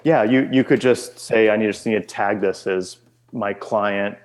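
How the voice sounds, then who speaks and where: Low-voiced man explaining casually. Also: measured pace. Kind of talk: casual technical chat.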